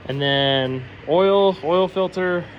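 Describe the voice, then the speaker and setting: A man's voice: high voice, slow pace, highs cut off, slight background noise. A man giving a casual, rambling update on fixing his car, with lots of fillers as he lists the jobs left. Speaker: vlogger working on his car.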